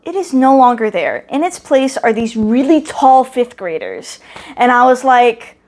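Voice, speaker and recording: Animated young woman telling a story. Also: a little high, a little slow. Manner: animated, laughing, acts out voices in quotes. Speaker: podcast co-host. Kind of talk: casual storytelling.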